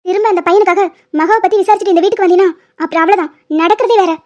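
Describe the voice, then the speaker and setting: A woman doing a cold, condescending rich mother in a cartoon, very high-pitched and quick, with a mellow tone and slightly dull lo-fi sound. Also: fairly even intonation. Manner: condescending, warning.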